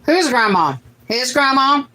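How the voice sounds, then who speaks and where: Her voice sits high and sounds very animated, pushed, and bright, though she speaks without hurrying. She is in her late forties, hosting a chatty family cooking livestream where she reads viewer comments aloud and replies. The audio is poor.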